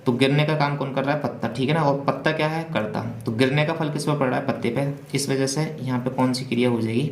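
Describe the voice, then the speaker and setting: A man's voice: mid-range voice, creaky. A man teaching a Hindi grammar revision class, asking questions and answering them himself. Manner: asks and answers his own questions. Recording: echoey room with faint hum.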